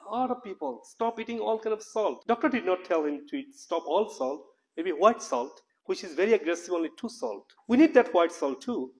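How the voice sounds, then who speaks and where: This man's voice is high-pitched with a darkish tone. A professor and health practitioner with a Bangladeshi accent, he gives an earnest, informal health lecture in English that is loosely phrased and repetitive.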